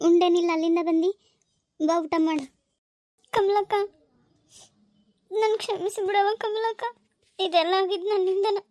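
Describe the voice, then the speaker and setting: In a dry recording with the highs cut off, a woman with a North Karnataka Kannada accent speaks in an extremely high, slightly mellow voice. She plays an anxious village mother in a family comedy-drama, alternately pleading and scolding with strong emotion.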